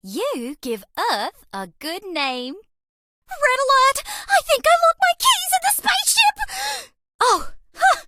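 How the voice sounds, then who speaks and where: Brie, high bright excitable alien girl. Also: no echo, studio quality, full character voice. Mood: excited. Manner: bubbly, playful, dramatic, swinging from exclaiming to coy. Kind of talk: animated game character voice lines.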